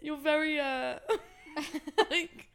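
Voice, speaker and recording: A young woman hosting a casual podcast chat, expressive, giggly and over the top. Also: high voice, drawn-out words, creaky. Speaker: podcast host.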